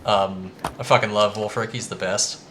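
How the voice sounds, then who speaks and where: A man's voice: lowish voice, steady tone, moderate pace, noisy background. A man giving a casual, rambling presentation to friends, with lots of ums. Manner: rambling with frequent ums, quietly earnest.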